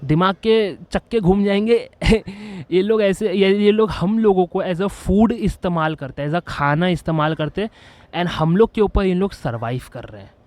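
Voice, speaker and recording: A man hosting a video, explaining his ideas in an earnest, excitable way with lots of restarts and English phrases mixed in. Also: high-pitched, normal speed, no echo. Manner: excitable, with frequent restarts and fillers. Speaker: video host. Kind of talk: casual explainer monologue.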